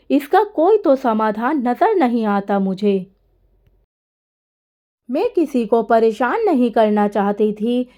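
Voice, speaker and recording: A woman's voice: fairly high pitch, dull audio. A woman telling a family story in the first person, in a wry, lightly humorous way.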